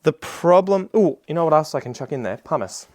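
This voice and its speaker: A man's voice: on the high side, expressive, fairly quick, darkish tone, no echo, clean studio sound. An Australian man chatting casually while demonstrating a task, in a rambling, self-deprecating, slangy way. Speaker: gardening video creator.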